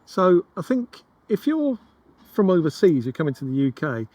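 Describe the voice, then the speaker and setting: A man's voice: a little high, sing-song, moderate pace, a little mellow. A man from England chatting casually and jokingly as a travel vlogger, recorded outdoors on a day out. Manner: jokey, chatty, teasing. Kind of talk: casual chat. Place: outdoors at a museum.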